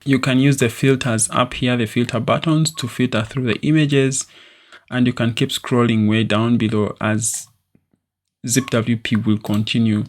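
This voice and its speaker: Speaking at normal speed with a medium pitch, a young man guides viewers through a screen-recorded software tutorial. He stays steady and explanatory, uses occasional fillers, and records from a desk in a small room.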